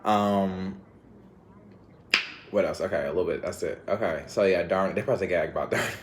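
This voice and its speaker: Male vlogger, slightly low voice, scattered slang-filled monologue, light background hiss. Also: moderate pace. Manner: rambling, scattered, laughs often, lots of slang. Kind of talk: rambling casual monologue to viewers.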